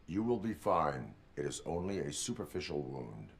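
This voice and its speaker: An actor playing a stoic armored cyborg police officer in a video game, speaking in terse, formal, deadpan sentences. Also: male voice, very deep voice, normal speed, creaky, a little hiss or hum, heavily acted. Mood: stoic, controlled.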